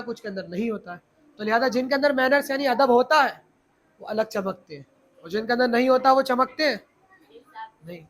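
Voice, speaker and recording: A man's voice: extremely high pitch, a bit bright. Man teaching children, quizzing the class. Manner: asks the class frequent questions and repeats key points.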